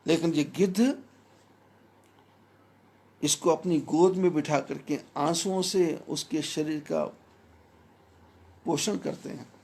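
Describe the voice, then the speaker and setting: Male spiritual teacher, emphatic measured preaching, gravelly edge to the voice. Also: fairly high pitch, a little mellow. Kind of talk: devotional discourse.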